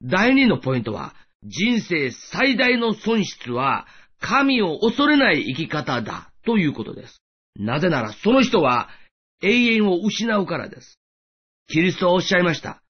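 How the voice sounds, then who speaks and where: A man's voice: high voice, big pitch swings, normal speed, slightly rough, muffled recording. A man delivering a sermon in an earnest, rising and falling preaching cadence. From Japan. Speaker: pastor.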